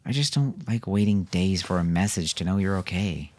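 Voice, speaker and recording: A man's voice: sits low, normal speed, darkish tone. A man reading an audiobook, voicing a teasing, sarcastic young mother with a raised, lighter voice. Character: teasing, sharp-tongued young mother and wife.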